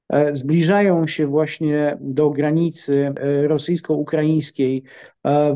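A middle-aged man from Poland, a military analyst answering interview questions in a measured, halting way with many filler pauses. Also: on the high side, dark tone, highs cut off.

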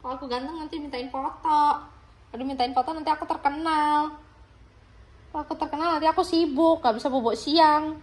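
A woman voicing a cheeky four-month-old baby boy in soft, babyish first-person chatter. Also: high-pitched, fairly even intonation, fairly quick, pitched above the performer's own voice, lightly acted. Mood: whiny. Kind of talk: playful voice-over for a baby.

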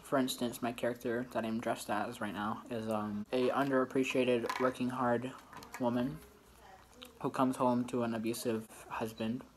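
A man's voice: mid-range voice, flat delivery, normal speed, slight background noise. A young man chatting casually while eating, rambling and joking with lots of fillers. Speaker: musician vlogger. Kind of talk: casual behind-the-scenes chat while eating.

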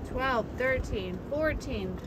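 A woman with a fairly high voice speaks slowly while hiking a rocky beach at night, filming on a body-worn camera with noisy outdoor audio. The hiker vlogger narrates casually, chatty and playful, with excited exclamations.

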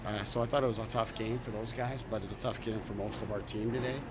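Flat-voiced coach in a noisy scrum. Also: male voice, fairly low pitch. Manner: measured, self-critical, frequent fillers and restarts. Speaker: hockey head coach. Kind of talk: post-game media scrum. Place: arena media backdrop, indoors. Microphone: cluster of handheld recorders and mics.

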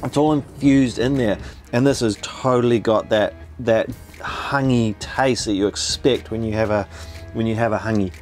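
A man's voice: on the low side, moderate pace, a little mellow, faint music behind. New man, eager food-vlog host. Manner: enthusiastic, explains dishes while eating. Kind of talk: casual food vlog narration. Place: inside a parked camper van.

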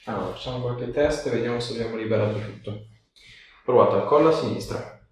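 Speaking quickly at a medium pitch, this chiropractor reassures his patient with short questions and directions during a hands-on examination. The setting is an indoor treatment room, captured from a distance with lots of echo and a little noise.

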